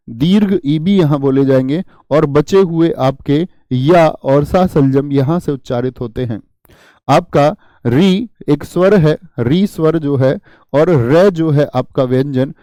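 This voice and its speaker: A man's voice: on the high side, mellow, no echo. A man teaching a class, asking his students questions and repeating the answers, with memory tricks and light jokes. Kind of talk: classroom lesson.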